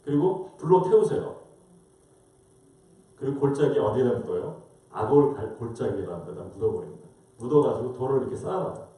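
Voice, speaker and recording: A male pastor delivers a sermon with a lively, rising and falling delivery, asking the congregation question after question. His tone is dark and mellow. He sounds distant from the microphone, in a large church with strong echo. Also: medium pitch, a little fast. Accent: Korean-American. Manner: rhetorical questions, acts out voices. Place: church sanctuary. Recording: roomy distant church mic.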